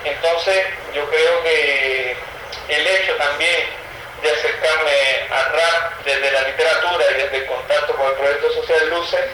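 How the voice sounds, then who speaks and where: Young Cuban writer, Cuban Spanish accent, hesitant interview answers, flat delivery, recorded off-mic. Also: male voice, fairly high pitch, unhurried, far from the mic. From Cuba. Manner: thoughtful, with frequent hesitations and fillers. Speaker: writer and poet, guest. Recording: roomy sound, from the mic, faint noise.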